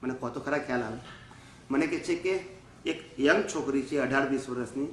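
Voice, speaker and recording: A man, a spiritual teacher, telling lively personal anecdotes at a satsang, often chuckling and mixing in English phrases. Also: medium pitch, brisk, reverberant, a little hiss or hum. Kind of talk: storytelling at a satsang. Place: gathering room in the USA.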